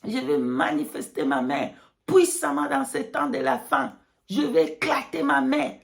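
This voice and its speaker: Female preacher as the voice of God in a religious vision: high, proclaiming, commanding, very drawn-out delivery. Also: very animated, vocal fry, heavily acted. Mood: solemn, commanding. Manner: slow, raised, proclaiming, drawn-out words. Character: almighty God speaking out of a rock, solemn.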